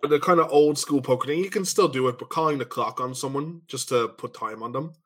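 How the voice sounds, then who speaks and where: A man's voice: medium pitch, a little fast. Joking, chatty man. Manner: joking, laughs often, playful mock shouting. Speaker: podcast co-host. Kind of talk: casual chat.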